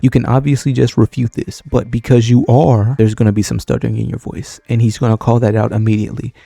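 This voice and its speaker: A man delivers a comedic monologue in a flat, mock-serious lecturing tone, as if teaching a class. His voice is very dark and gravelly with a crackle of fry. The sound is close and completely dry. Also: medium pitch, no echo. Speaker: comedy narrator.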